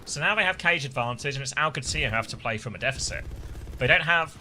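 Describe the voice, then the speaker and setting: Bright excited man calling esports. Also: slight background noise. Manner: fast excited calls that jump in pitch on big plays. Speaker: esports co-streamer commentator. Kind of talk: live esports play-by-play commentary.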